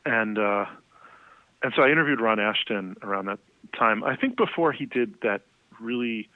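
A man's voice: lowish voice, expressive, normal speed, dry recording. A man, a music journalist, telling interview stories in casual, rambling chat full of fillers. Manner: rambling, many fillers, laughs often. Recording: tinny phone-like line, dry.

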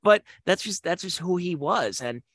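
A man's voice: high-pitched, lively intonation, moderate pace, a bit bright, dry recording. A man hosting a podcast, telling comedy club stories in a rambling, digressive way with slangy asides. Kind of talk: casual storytelling.

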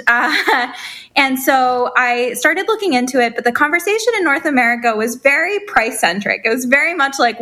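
A woman from Honduras, a co-founder guest telling her background in an energetic, casual interview. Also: a little high.

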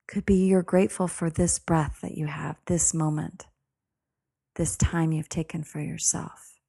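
A middle-aged woman podcast host leading a guided breathing meditation in a calm, meditative, soft and soothing way with slow phrases. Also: on the low side, creaky, breathy edge.

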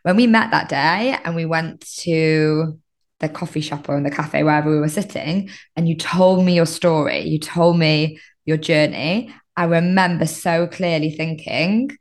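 A podcast host in easy conversation with her guest, talkative and friendly. Her voice is deep for a woman, with a relaxed, chatty flow full of fillers. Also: unhurried. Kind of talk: interview chat.

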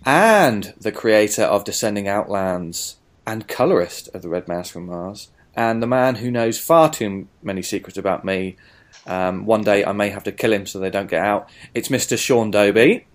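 A man's voice: fairly low pitch, normal speed. A British man hosting a podcast, mixing scripted introduction with casual chat in a jokey, theatrical way. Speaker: podcast host.

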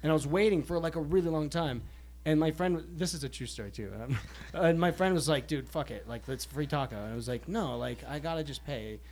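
A man's voice: a little high, brisk, a little mellow. A man telling a rambling, self-mocking story in casual chat with friends.

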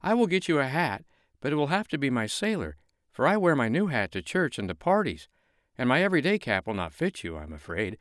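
A man's voice: mid-range voice, very animated, fairly quick, a bit bright, no room sound, studio quality, voice pushed up. A man voicing an eager, polite little boy in a raised, earnest voice.

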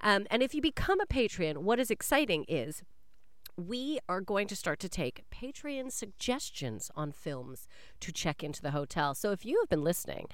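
Lively, very clear-voiced woman podcast host. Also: medium pitch, moderate pace, no room sound. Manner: enthusiastic, playful. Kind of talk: casual comic podcast chat.

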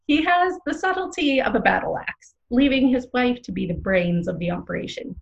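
A woman plays an excitable, opinionated co-host of a small-town arts radio show, theatrical and playfully dramatic in scripted comic banter. She sounds scornful, with a slightly high, gravelly voice at normal speed, and the audio is dull.

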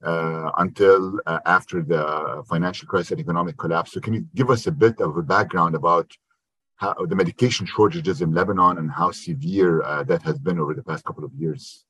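A man hosting a podcast interview, speaking haltingly with many filler sounds. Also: low voice, fairly even intonation, fairly bright tone, slightly rough, no echo. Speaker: podcast host.

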